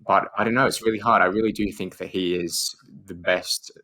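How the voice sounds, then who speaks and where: A man's voice: deep voice, fairly even intonation, fairly quick, pushed and bright, low-quality recording. A man co-hosting a podcast as a mock awards show, playful and rambling, with many fillers. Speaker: podcast co-host.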